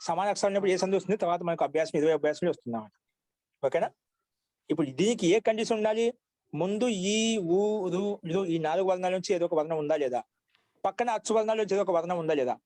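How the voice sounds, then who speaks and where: A man's voice: high voice, fast, darkish tone, dry recording. A man teaching a Sanskrit grammar class, patiently repeating each example and checking that students follow. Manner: asks students for confirmation often. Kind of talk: online class lecture.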